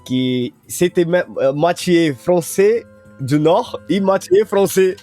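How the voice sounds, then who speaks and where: A man's voice: sits high, slow, dark tone, faint music behind. A man from northern Brazil, a native Portuguese speaker, talking as a guest musician in a radio interview, hesitant with many fillers and restarts.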